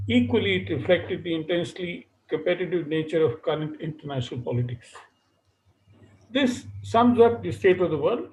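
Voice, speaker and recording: A man moderating a webinar, giving formal opening remarks in a measured, hesitant way with frequent fillers, heard over a video call. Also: on the high side. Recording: dull lo-fi webinar audio.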